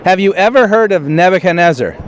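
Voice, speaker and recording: A man's voice: high voice, expressive, a little fast, crowd noise. A man hosting street interviews, asking passers-by the same questions in a plain, hesitant way with frequent fillers and restarts. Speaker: street interviewer and show host. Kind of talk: street interviews and direct-to-camera intro.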